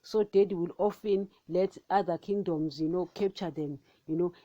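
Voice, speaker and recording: A woman's voice: lowish voice, fairly even intonation, normal speed, warm tone, highs cut off. A woman preaching an informal podcast sermon, emphatic and repetitive, often asking whether the listener understands. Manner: emphatic, asks the listener "you understand?" often, repeats herself.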